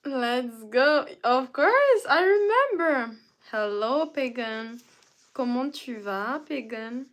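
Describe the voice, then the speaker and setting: Speaking in a high-pitched voice, a young woman from Canada runs a laid-back live stream at a slow, stretched-out pace, welcoming each viewer individually and chatting back to their comments in a relaxed way.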